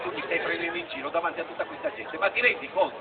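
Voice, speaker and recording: A man voicing a pompous, easily enraged gentleman puppet, indignant and emphatic, in a comic children's show. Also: on the high side, racing, close to an everyday voice. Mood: angry threatening. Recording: tinny, noisy, distant outdoor crowd recording.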